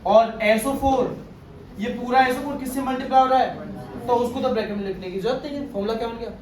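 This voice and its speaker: A man's voice: very high-pitched, fast, crowd noise. A male chemistry teacher giving a classroom lecture, often quizzing his class with questions. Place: classroom with students. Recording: echoey room, far from mic, class murmur.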